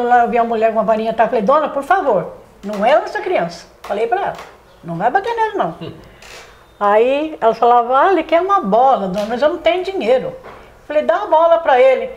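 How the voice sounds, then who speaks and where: An older woman from the São Paulo countryside of Brazil, with that region's accent, reminiscing in an interview and acting out past conversations in raised voices. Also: a little high. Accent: São Paulo countryside Brazilian Portuguese. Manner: animated storyteller, acts out dialogue in raised voices. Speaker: honored longtime shop owner.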